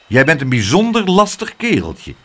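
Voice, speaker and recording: A gruff storybook weatherman who growls and snaps at a naughty child, as a male reader puts him on. His voice swings widely and turns loud and sharp when he scolds, with a faint hum of noise behind him. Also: high-pitched, very animated, moderate pace, pitched above the performer's own voice. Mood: scolding. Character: gruff grown man, the stern weatherman.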